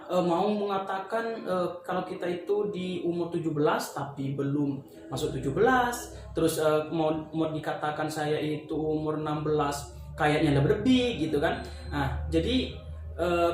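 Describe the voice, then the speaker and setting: A young man from Indonesia giving a casual English lesson, talking through examples slowly with many fillers. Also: high voice. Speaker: English teacher. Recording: very echoey room, faint background noise.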